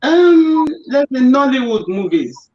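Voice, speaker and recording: Heard over roomy, dull remote call audio, this Yoruba-speaking actress and presenter is a guest in a casual video-call interview. Her voice is high-pitched and very animated, yet she speaks slowly and hesitantly, with fillers and restarts.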